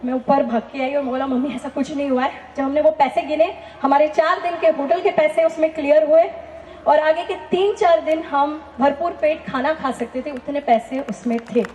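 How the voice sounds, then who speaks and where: This testimony speaker at a church talk has a high-pitched, steady, darkish voice and speaks at a moderate pace, telling her story earnestly while asking listeners rhetorical questions. The hall recording is echoey, dull and lo-fi, with a little hiss or hum.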